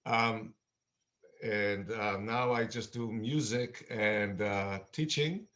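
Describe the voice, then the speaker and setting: An older man from Israel, now a musician, talking earnestly and haltingly with many fillers on a video call. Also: on the low side, a bit bright. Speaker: musician and meditation guest. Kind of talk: casual video-call chat. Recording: dull lo-fi video-call audio.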